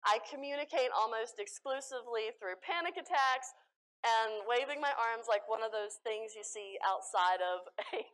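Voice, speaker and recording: A young American woman giving a conference talk with slides, animated and self-deprecating, laughing often at her own jokes. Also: fairly high pitch. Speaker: conference speaker. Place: conference hall stage.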